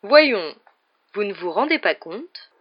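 A reader voicing a vain, beaming male teacher who talks down slowly and smugly, in a dull lo-fi recording. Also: medium pitch, big pitch swings, breathy edge, exaggerated voice. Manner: slow, condescending, self-satisfied.

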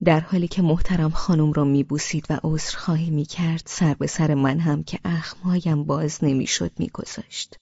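A woman narrating a novel in the first person, with expressive storytelling. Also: deep voice, gravelly, few pauses, husky, no echo, dull audio. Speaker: audiobook narrator.

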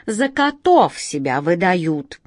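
A woman's voice: on the low side, big pitch swings, slow, no room sound, clean studio sound, exaggerated voice. A woman reading a storybook, voicing a sly, predatory female yard cat with a smug, purring, teasing manner.

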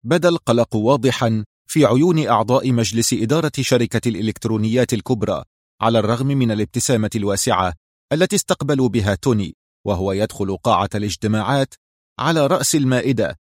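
A man narrating a spy thriller audiobook in a steady storytelling manner. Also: medium pitch, fast talker, no room sound, clean studio sound. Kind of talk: scripted narration.

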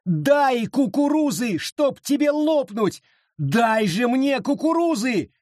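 A man voicing a frightened, desperate young settler woman who pleads and shouts. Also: mid-range voice, slow, slightly rough, no echo, studio quality. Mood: frantic. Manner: pleading, rising to frantic shouts.

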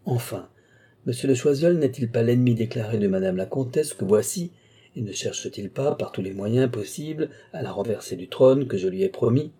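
A man reading aloud as a calm, assured male sorcerer count in a novel's audiobook, speaking with persuasive confidence. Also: medium pitch, normal speed, husky.

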